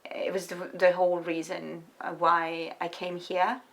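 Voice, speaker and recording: A woman from Estonia, a writer answering interview questions in a reflective, hesitant way with many pauses and restarts. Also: on the low side, flat delivery.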